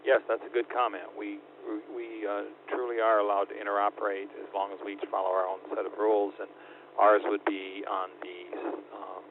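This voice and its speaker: A man's voice: on the low side, little pitch movement, a little fast. A man running an on-air radio net as net control, speaking hesitantly with frequent ums, heard over a two-way radio transmission with static. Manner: hesitant, many ums and uhs. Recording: tinny radio line with faint static.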